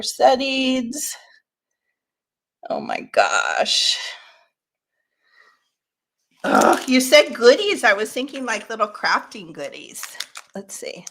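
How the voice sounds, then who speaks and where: Gushing woman with a lively voice. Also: mid-range voice, a little hiss or hum. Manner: gushing, excitable, gasps and exclaims often. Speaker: craft vlogger. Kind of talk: casual unboxing chat. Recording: echoey room.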